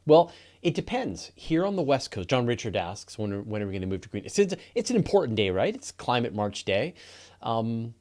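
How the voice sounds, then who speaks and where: A man's voice: mid-range voice, very animated, fairly quick, a little mellow. A Canadian man hosting a live podcast in casual, rambling chat, often laughing. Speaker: podcast host.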